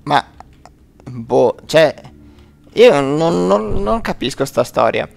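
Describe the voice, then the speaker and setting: A man's voice: a little high, very animated, slow, creaky. A man hosting a let's play, chatting and exclaiming as he jokes about the game. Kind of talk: gameplay commentary.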